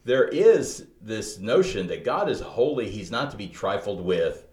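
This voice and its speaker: Low-voiced man in an echoey room. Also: unhurried. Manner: animated, thinking aloud with many restarts. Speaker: podcast co-host. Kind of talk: theological conversation.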